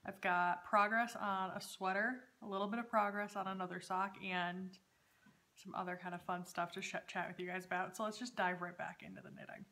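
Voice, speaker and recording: In a casual home vlog shot in the dining room, a thirties-aged knitting podcast host speaks with hesitation. She has a medium pitch, a flat, sharp delivery, and a brisk pace.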